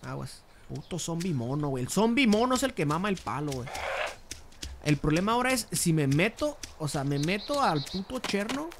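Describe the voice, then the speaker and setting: A young man with a Mexican accent giving crude, slang-heavy commentary while playing a game, breaking into sudden shouts. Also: on the high side, big pitch swings, moderate pace, slight background noise. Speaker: gamer. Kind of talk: profane gameplay commentary.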